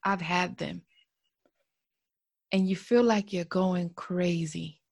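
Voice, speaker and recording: A woman hosting a faith-based grief interview, speaking in an affirming way with frequent soft murmurs of agreement. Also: on the low side, steady tone, slow, vocal fry. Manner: warm affirming, many soft mm-hmms. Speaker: podcast host.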